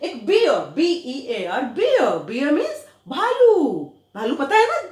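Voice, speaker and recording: A woman's voice: high-pitched, wildly swooping pitch, slow, darkish tone, roomy sound. A woman teacher with an Indian accent explaining English words, spelling them out letter by letter and switching between Hindi and English. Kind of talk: grammar lesson in Hindi and English.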